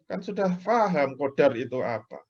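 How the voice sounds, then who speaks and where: A man's voice: on the high side, very animated, normal speed, a little mellow, breathy edge. A man preaching an Islamic lecture, explaining everyday examples and acting out people's prayers, tinged speech. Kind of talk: religious lecture. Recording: dull lo-fi lecture recording.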